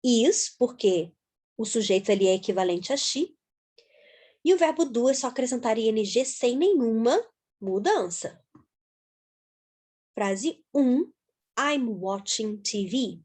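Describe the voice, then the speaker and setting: Woman teacher, unhurried, patient, spells things out, slightly husky. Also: on the high side, lively intonation, darkish tone. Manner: patient, spells words out letter by letter. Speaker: English teacher. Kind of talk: explaining grammar to viewers.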